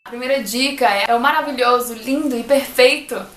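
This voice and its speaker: A Brazilian woman teaching English pronunciation in a casual online lesson, lively and full of examples. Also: a little high, brisk, roomy sound, background noise. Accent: Brazilian Portuguese.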